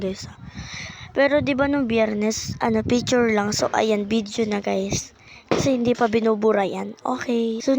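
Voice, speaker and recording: A ten-year-old girl narrating her school day in a casual vlog, talking politely and chattily. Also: on the high side. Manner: polite, uses po often, chatty. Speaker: child vlogger.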